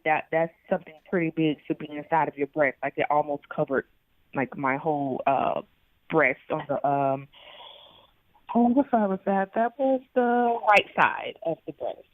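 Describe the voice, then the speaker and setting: A woman's voice: on the low side, no echo. A woman heard over the phone, telling her story as an interview guest in a hesitant way with many fillers. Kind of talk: personal story told in an interview. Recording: tinny phone line.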